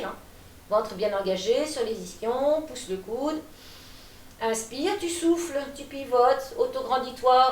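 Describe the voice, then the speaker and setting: A high-voiced woman leads a gentle gym class. She calmly cues each inhale and exhale while demonstrating the moves. Her voice sounds echoey and a bit distant from the mic. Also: slight background noise. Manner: calm, cueing breaths, demonstrating as she talks. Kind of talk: guided exercise class.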